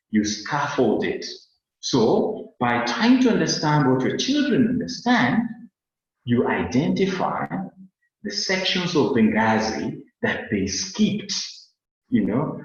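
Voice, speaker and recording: A man from Kenya with a Kenyan accent, giving an earnest webinar lesson and often repeating words as he searches for them. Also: a little high. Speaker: webinar teacher. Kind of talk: lecture on a webinar. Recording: very echoey, dull lo-fi webinar audio.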